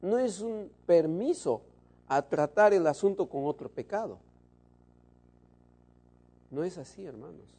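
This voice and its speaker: A man preaching a sermon to his congregation, shifting between loud emphasis and soft, low asides. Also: lively intonation, unhurried, pauses often, breathy edge.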